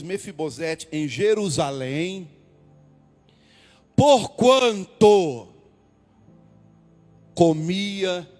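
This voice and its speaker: Lively preaching man in an echoing hall. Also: a little high. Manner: expressive preaching, repeats words, swings from loud calls to hushed asides. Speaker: pastor. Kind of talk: sermon. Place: church hall. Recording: long hall reverb, faint music.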